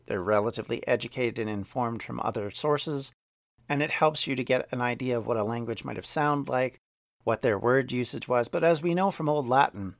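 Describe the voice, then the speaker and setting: A man of ordinary pitch talks through history as a podcast host, thinking aloud and now and then restarting a word. He slows down to lean on important points. His voice is recorded close and dry, with no room sound. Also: gravelly, no echo. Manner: thoughtful, restarts mid-word, slows to stress key words. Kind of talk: unscripted history explainer.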